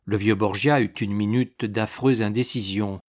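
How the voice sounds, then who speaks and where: A man narrating an audiobook in a measured, deliberate reading style. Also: lowish voice, fairly even intonation.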